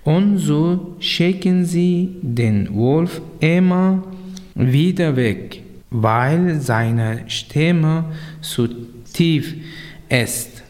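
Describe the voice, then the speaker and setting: A man learning German, reading a short text aloud in a halting way with restarts. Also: on the high side, animated, a little mellow, big-room sound. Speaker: language course participant.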